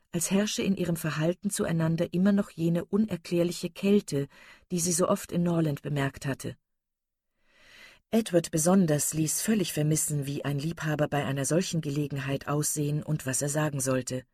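A woman narrating a classic novel as an audiobook in a steady, even storytelling voice. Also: deep voice, slightly rough, dry recording, studio quality. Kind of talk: scripted literary narration.

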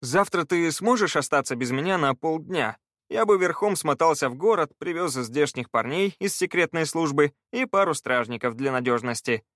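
Male reader playing an upbeat, practical treasure hunter with a teasing streak, higher voice, dry read. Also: animated, moderate pace, a bit bright, dry recording. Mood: brisk. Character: cheerful brisk male treasure hunter, joking.

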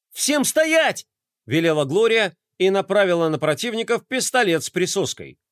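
A man narrating a children's audiobook in an expressive, lively way. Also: sits high, dry recording, studio quality. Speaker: storyteller.

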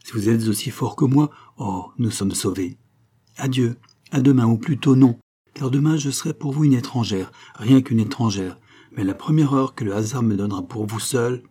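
A man's voice: medium pitch, moderate pace, dark tone, slightly rough, lightly acted. A man reading aloud the letter of an anxious noblewoman to her lover, fervent and urgent.

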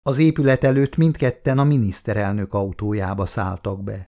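Low-voiced man reading a novel aloud, calm and even. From Hungary. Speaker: audiobook narrator. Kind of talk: scripted narration.

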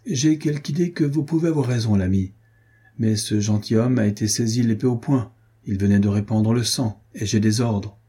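A man's voice: lowish voice, normal speed, warm tone, breathy edge. A man voicing a stern royal officer who speaks firmly and formally.

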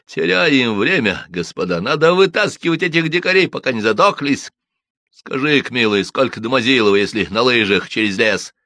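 A man voicing an impatient, commanding gentleman who barks loud orders. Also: fairly low pitch, brisk, no echo, clean studio sound. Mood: urgent.

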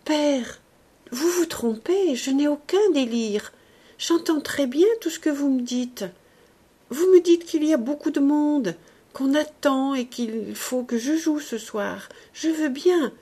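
A woman voicing a frail, feverish young woman who speaks gently and serenely to her father. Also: sits high, slow pace, pitched above the performer's own voice. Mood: calm.

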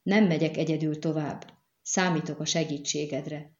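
A woman reading the part of a wounded young man, cool and teasing, in a quiet, low-key delivery. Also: fairly even intonation. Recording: echoey, dull lo-fi recording.

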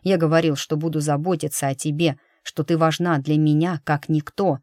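A woman reading a gruff, blunt young male battle mage in an audiobook, speaking in a dry, matter-of-fact, grumbling way. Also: sits low, steady tone, normal speed, darkish tone, dry recording, lightly acted.

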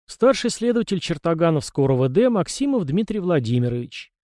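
A gloating middle-aged police investigator, put on by a male audiobook reader, pitched higher and pushed louder than the narration. The voice sounds self-satisfied and sure of himself, and the recording is dry and close. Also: big pitch swings, fairly quick, dry recording. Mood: smug.

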